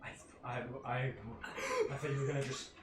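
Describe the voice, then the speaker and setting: A man's voice: medium pitch, little pitch movement, moderate pace, background noise. A man bantering casually as a player in a tabletop game. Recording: roomy, distant mic.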